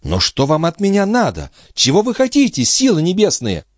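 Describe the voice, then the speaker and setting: Guy doing a proud young lady in an audiobook, high pitched, defiant, super lively swings. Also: normal speed, no room sound, clean studio sound, exaggerated voice. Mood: indignant. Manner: high strained outcries. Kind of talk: audiobook character reading.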